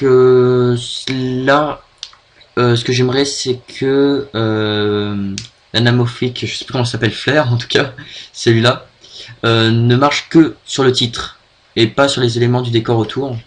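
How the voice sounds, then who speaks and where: A young French man with a French accent giving a hesitant, filler-heavy screen-recorded software tutorial at his computer. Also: medium pitch, fairly even intonation, a little slow. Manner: hesitant, many fillers and restarts. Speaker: video tutorial maker.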